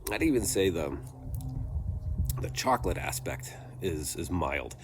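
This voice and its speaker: A man giving a casual, rambling product review, thinking aloud haltingly with trailing pauses. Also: deep voice, big pitch swings. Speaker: pipe tobacco reviewer. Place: outdoors in a light breeze. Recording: breezy outdoor vehicle-like background noise.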